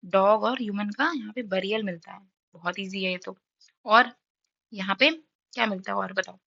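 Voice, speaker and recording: A woman's voice: mid-range voice, normal speed, gravelly, sharp tone, dry recording, highs cut off. A young woman teacher with a sore throat, running an exam-prep map lesson, quizzing her students and answering in their voice, checking in often. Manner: repeats key facts with frequent "ठीक है?".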